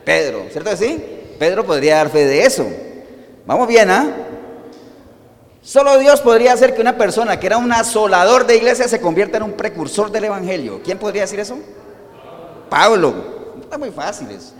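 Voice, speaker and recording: Lively high-voiced man preaching in hall. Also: fairly quick, long pauses. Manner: calls out questions to the congregation. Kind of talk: sermon. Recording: long reverb in a hall.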